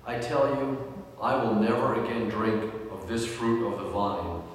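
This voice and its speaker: A man playing Jesus as a solemn, grieving teacher, deliberately, in a dramatic scripture reading. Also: mid-range voice, fairly even intonation, close to an everyday voice. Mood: solemn, foretelling. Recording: very echoey hall, distant mic, faint noise.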